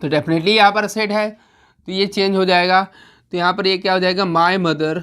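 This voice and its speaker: A woman's voice: mid-range voice, steady tone, normal speed, fairly bright tone. A woman teaching an exam-prep grammar lesson, explaining step by step with frequent rhetorical questions and check-ins. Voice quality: clears throat now and then.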